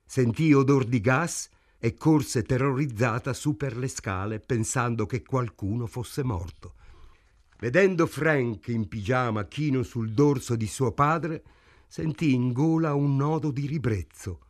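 A man reading a novel aloud in a measured, even way. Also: medium pitch. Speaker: narrator. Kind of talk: audiobook narration.

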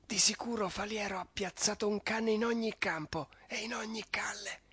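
A man reading a story and voicing a scheming male rat in a breathy half-whisper. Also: high-pitched, steady tone, moderate pace, pushed and bright, no echo, voice pushed up, full character voice. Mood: urgent, hushed.

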